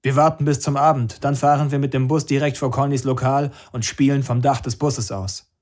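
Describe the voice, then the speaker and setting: A calm, defiant young band leader, read by a man, speaks in short, matter-of-fact lines. His voice stays close to the reader's own. It is an audiobook dialogue part. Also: medium pitch, fairly quick, lightly acted. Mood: terse. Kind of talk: audiobook character voice.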